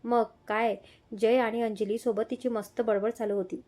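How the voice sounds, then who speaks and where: Lady reading out a love story, steady and even, soft mellow voice. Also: a little high, moderate pace. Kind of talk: scripted narration of an audio story.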